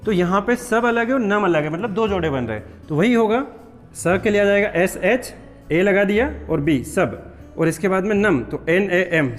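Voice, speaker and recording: Guy teacher, high voice, slow patient spelling lesson, long reverb and faint music behind. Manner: patient, repeats words and checks understanding. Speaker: English teacher. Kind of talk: classroom-style spelling lesson.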